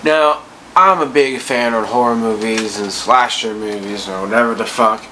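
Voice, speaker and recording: Man, drunk, rambling vlog rant, sweary, incredulous, medium pitch, faint background noise. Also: normal speed, sharp tone, rough recording. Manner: tipsy, loose, incredulous ranting. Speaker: vlogger ranting about bad movies. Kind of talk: casual, rambling, profane movie rant.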